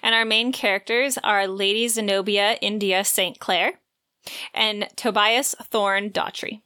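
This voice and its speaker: A woman co-hosts a book podcast, shifting between chatty discussion and a synopsis read from prepared notes. Her medium-pitched voice has a sharp tone, fairly even intonation, and a measured pace.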